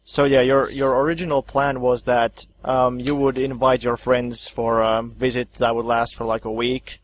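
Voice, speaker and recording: A man's voice: medium pitch, level tone, moderate pace. A man running a tabletop horror game, narrating casually and hesitantly, with many ums and likes. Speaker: game master.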